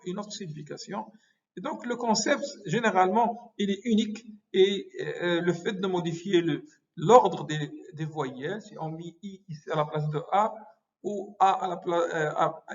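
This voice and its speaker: A man giving a medical lecture, halting often with hesitations and self-corrections. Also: high-pitched. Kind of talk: explanatory lecture. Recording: muffled lo-fi recording.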